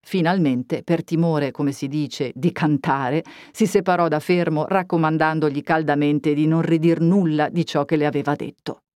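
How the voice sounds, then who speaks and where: Woman audiobook narrator, lowish voice, expressive literary reading, dead dry booth sound. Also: normal speed, hardly any pauses, dry recording.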